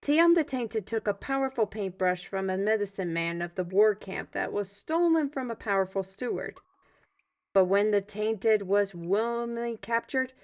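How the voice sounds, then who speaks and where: A woman's mid-range, near-everyday voice brings to life a spirited, dramatic artist mage with a magic paintbrush who teaches through tales, in a fantasy audio drama meant as ASMR. The mood is one of storytelling, and her formal, archaic wording comes out expressively, with sighs and little self-directed asides.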